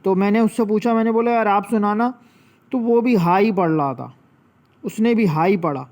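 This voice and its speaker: Brief: man, fairly high voice, friendly children's teacher, chatty storytelling, slows right down to spell out letter sounds. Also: darkish tone. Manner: slow, drawn-out enunciation of Arabic letters; friendly, chatty address to viewers. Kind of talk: casual anecdotal lesson.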